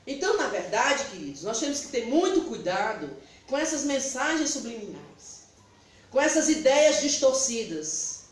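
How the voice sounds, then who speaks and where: A middle-aged woman pastor, preaching an animated, emphatic sermon and laughing at her own remarks. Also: high voice, moderate pace. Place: church hall. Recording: echoey hall, distant mic.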